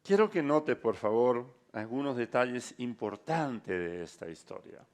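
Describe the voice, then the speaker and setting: Brief: a male preacher with a mid-pitched voice, dramatic storytelling that swings between quiet and loud. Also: lively intonation, unhurried. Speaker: pastor. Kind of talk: sermon.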